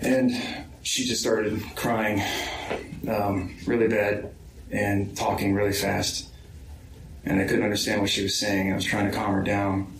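Low, flat-voiced man recalling hesitantly. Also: a little hiss or hum. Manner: hesitant, slow, many ums. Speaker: interviewee, victim's son. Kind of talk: recorded interview, recounting. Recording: roomy far-off interview mic.

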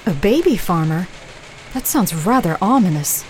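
An actress playing a well-bred, determined reformer in a period drama, speaking in a proper, earnest, articulate way. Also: female voice, lowish voice, animated, normal speed, darkish tone, slight background noise, close to an everyday voice, low-quality recording. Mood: polite.

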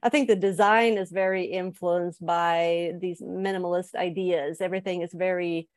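A woman's voice: lowish voice, fairly even intonation, moderate pace, darkish tone, no echo. A woman from Sweden, an author, explaining her ideas thoughtfully as a guest on a podcast interview.

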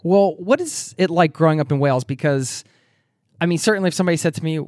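An American man hosting a travel podcast, speaking in a reflective, animated way with occasional laughs. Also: on the high side, quick pace, no echo, clean studio sound. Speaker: podcast host. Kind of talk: podcast interview.

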